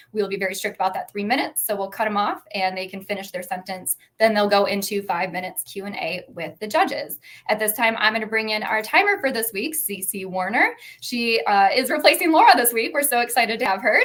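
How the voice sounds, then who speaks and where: A woman's voice: on the high side, fairly bright tone. Friendly woman hosting an online competition. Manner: friendly, encouraging, lightly chatty. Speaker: event host.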